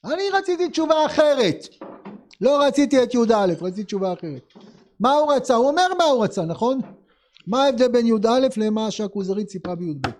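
Very high-voiced male teacher. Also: slight background noise. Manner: lively, asks students many questions. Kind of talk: classroom text lesson.

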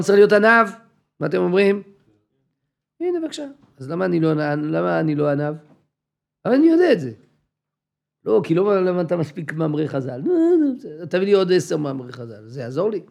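A man's voice: fairly high pitch, big pitch swings, creaky. A man giving an informal religious class to a group, acting out dialogues and repeating phrases for emphasis. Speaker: religious teacher.

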